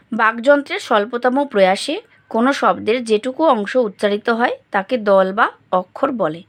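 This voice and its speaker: A woman with a high, light voice teaches a grammar lesson to schoolchildren. She explains patiently, step by step, and breaks words into syllables as she says them aloud.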